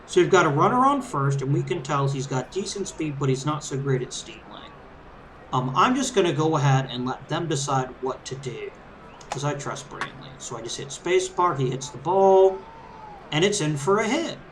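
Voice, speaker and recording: A man's voice: on the high side, expressive, moderate pace, fairly bright tone, a little hiss or hum. A man giving casual, conversational, easygoing commentary as he hosts a let's play of a game. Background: video game crowd ambience and background music.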